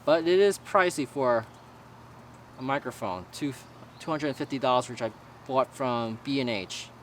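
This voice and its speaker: A man giving a casual product review in a halting, informal way, stumbling over words now and then. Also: mid-range voice, a bit bright. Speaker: gear reviewer. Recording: noisy raw camera-mic audio with ambience.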